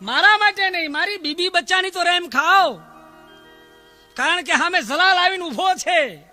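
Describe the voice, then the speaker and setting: Man acting as a frightened court herald, very high shrill cry, piercing bright tone, desperate pleading, folk storytelling. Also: normal speed, faint music behind, exaggerated voice.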